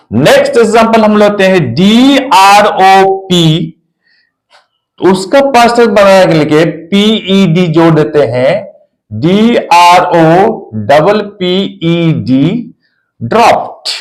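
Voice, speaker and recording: Slow, patient man drilling pronunciation. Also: high voice, roomy sound, rough recording. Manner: slow, spells out letters and repeats words for drilling. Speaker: English teacher. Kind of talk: spoken English lesson.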